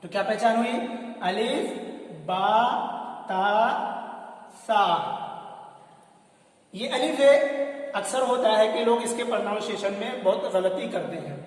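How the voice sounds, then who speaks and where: A man with a very high voice gives a slow, patient reading lesson and repeats each letter so learners can follow. He sounds distant from the mic. A long, booming hall echo trails after his words. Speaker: Islamic teacher. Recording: echoey hall from far off.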